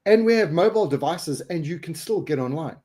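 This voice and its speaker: Middle-aged guy hosting a live web chat, mellow dark voice, jokey, trips over his words a bit. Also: on the high side, animated, fairly quick. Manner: jokey, laughing, repeats words when flustered. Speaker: host. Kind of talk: casual live webinar chat.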